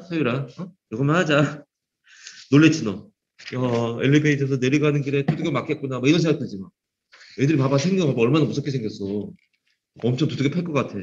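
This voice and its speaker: A cram school English teacher with a fairly high voice runs a grammar class in a classroom, calling on students by name and slipping in teasing jokes. The recording sounds dull and lo-fi.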